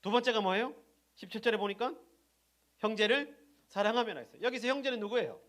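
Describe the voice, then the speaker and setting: A middle-aged man preaching a sermon as pastor, asking the congregation questions and answering them himself, moving between loud emphasis and soft, low asides. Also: lively intonation, fast talker.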